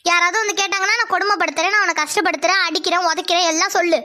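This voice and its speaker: A woman voicing a nagging middle-aged mother in a Tamil cartoon, shrill and threatening as she scolds. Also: steady tone, very fast, pushed and bright. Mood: scolding.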